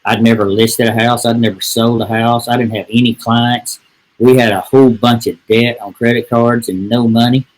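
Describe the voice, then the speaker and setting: A man's voice: medium pitch, flat delivery, normal speed, poor audio. A middle-aged man, telling a rambling, folksy story as a podcast guest. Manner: folksy, rambling, with many "and, uh" restarts. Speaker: real estate agent, podcast guest. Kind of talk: casual storytelling.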